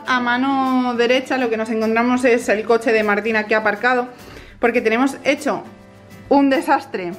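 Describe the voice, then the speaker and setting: A woman in her twenties gives a chatty, casual house tour of her small apartment living room, filming indoors on a handheld camera and speaking directly to viewers. Her slightly high voice holds a steady tone at normal speed, with faint music in the background.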